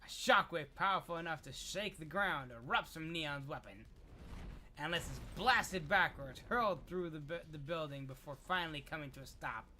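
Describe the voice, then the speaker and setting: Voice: medium pitch, lively intonation, normal speed, sharp tone, slight background noise. A streamer narrating a game playthrough, reading the game text aloud and joking between lines. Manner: reads the game text aloud and jokes, laughing often. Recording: voice over faint game music.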